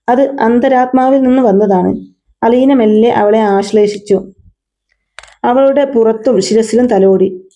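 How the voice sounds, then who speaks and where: A woman reading a novel aloud in a steady storytelling manner, lightly voicing the dialogue. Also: on the high side. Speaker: narrator.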